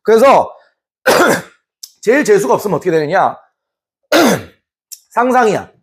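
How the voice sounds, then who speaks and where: A man teaching a Korean history class in a lively way, now and then acting out short scenes in put-on voices. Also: high-pitched, takes it slowly. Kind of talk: classroom lecture.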